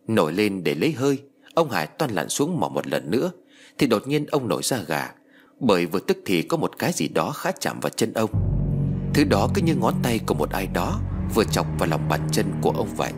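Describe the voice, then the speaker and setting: A man narrating a suspenseful ghost story as an audiobook reader, in a lively storytelling manner. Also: deep voice, fairly quick, breathy edge, soft background music. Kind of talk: scripted narration of a horror story.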